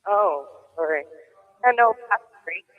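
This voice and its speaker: A woman calling in as a remote interviewer, loud and gushing, her line breaking up. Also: medium pitch, lively intonation, a little slow, dry recording, phone-quality sound. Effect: call line breaking up. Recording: distant, breaking-up call line.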